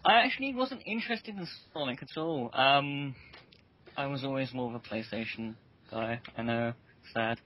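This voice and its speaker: A man's voice: mid-range voice, normal speed. A man speaking candidly as a guest in a casual group interview. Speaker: guest, staff member. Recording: dull lo-fi audio.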